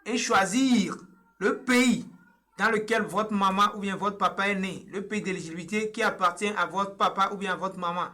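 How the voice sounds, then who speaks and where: A man's voice: high-pitched, normal speed, bright, forceful tone. A young man from Togo walking viewers through an online form step by step, patient and repetitive with frequent hesitations, recorded on a webcam in a small room. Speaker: online tutorial presenter. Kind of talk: screen-share tutorial walkthrough.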